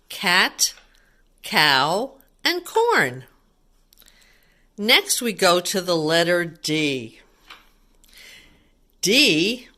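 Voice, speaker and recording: A woman with a deep, bright, pushed voice and some vocal fry reads a picture book aloud to young children. Like a teacher, she poses simple questions and explains things along the way.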